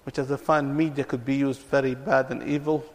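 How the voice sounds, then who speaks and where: A Palestinian man speaks briskly in a mid-range voice with little pitch movement, addressing an audience as a ministry speaker on reconciliation. His stories come across as earnest and repetitive, and the recording has a long hall reverb.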